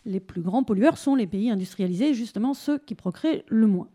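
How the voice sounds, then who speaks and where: A woman's voice: on the high side, lively intonation, a little fast, dark tone. A young woman giving a satirical radio column in a studio, sarcastic and mocking.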